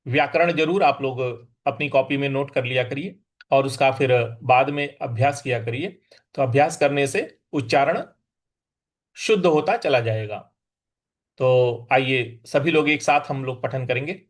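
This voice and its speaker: A man teaching scripture recitation, chanting verses slowly and drawn out, then explaining pronunciation in quick asides. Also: mid-range voice. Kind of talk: recitation lesson.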